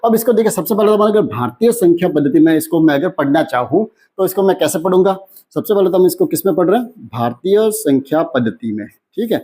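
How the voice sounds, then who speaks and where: A man teaching a maths lesson in who keeps asking questions and answering them himself, slowing down when he reads out numbers. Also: high-pitched, expressive, mellow, slightly rough. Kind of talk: classroom lesson explanation.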